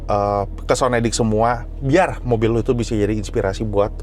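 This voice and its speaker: A man's voice: on the low side, steady tone, a little fast, a little hiss or hum. Emphatic, slangy man hosting a review. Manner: emphatic, rising sharply when making a point. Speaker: car audio reviewer host. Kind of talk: casual slangy chat.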